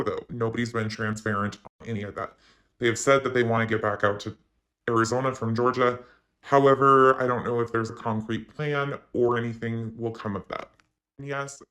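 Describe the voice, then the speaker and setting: A man's voice: medium pitch, fairly bright tone. A man speaking through a voice changer, hosting an opinionated online commentary and talking straight to his viewers. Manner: opinionated, addresses viewers directly. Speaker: commentary channel host.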